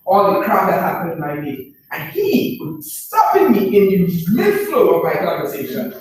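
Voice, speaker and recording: A man with a high, very animated voice and a moderate pace presents at a business information session, giving a motivational talk to a live group. He often checks in with "right?" and repeats phrases for emphasis. The room is very echoey, he's far from the mic, and there's faint noise.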